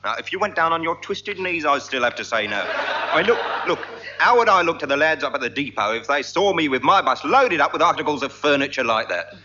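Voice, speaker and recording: A man's voice: a little high, animated, brisk, background noise. A man playing a blustering, stammering bus conductor in a radio comedy sketch. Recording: muffled old radio recording.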